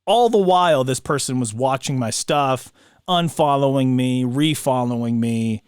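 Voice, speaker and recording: A man co-hosting a casual podcast, telling stories in a slangy, excitable way with repeated words. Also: medium pitch, unhurried, clean tone, no echo, studio quality. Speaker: podcast co-host; broadcaster. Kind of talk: casual chat.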